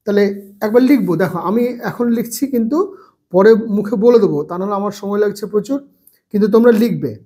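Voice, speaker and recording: A man teaching English grammar to children, slowly repeating phrases and spelling words out letter by letter. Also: high voice, mellow, slightly rough. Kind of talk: bilingual grammar lesson.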